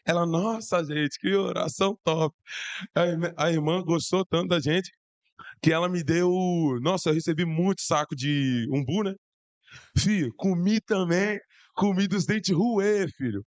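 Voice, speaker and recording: A hoarse young man with a Brazilian Portuguese accent, telling a church testimony in an excited, slangy way. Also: high-pitched, unhurried, no room sound. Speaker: church youth member giving testimony. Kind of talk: casual testimony to a congregation.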